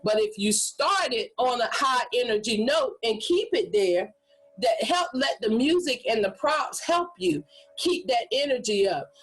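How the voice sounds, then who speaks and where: A woman's voice: on the high side, expressive, measured pace, breathy edge, low-quality recording. A woman coaching presenters in a training workshop, talking casually and acting out hype voices and whispers to demonstrate delivery. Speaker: speaking coach.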